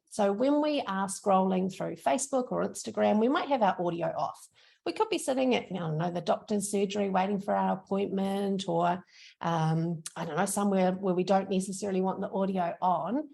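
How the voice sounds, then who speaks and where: A middle-aged woman with a thick Kiwi accent, presenting an informal online lesson. Her voice sits at a medium pitch with heavy vocal fry. She talks in a chatty, encouraging way, as a trainer guiding learners. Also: warm tone. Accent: broad New Zealand (Kiwi). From New Zealand. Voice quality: creaky. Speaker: social media trainer.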